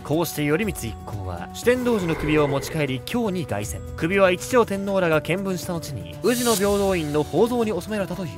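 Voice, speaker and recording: A man's voice: high-pitched, big pitch swings, moderate pace, few pauses. A man voicing a theatrical vampire host giving a grandiose scripted narration about history. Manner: grandiose lecturing narration with a catchphrase ending. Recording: background music throughout.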